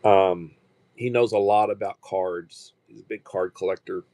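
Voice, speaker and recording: This sixtysomething livestream host has a mellow, fairly low voice with fairly even intonation, recorded without room sound. His casual talk rambles and halts, full of fillers and frequent restarts.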